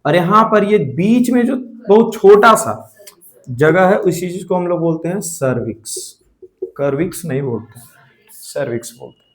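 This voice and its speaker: A man's voice: high-pitched, animated, moderate pace. A man teaching a biology class, asking questions and answering them himself, mixing English terms into Hindi and checking in often. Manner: frequent "theek hai" check-ins.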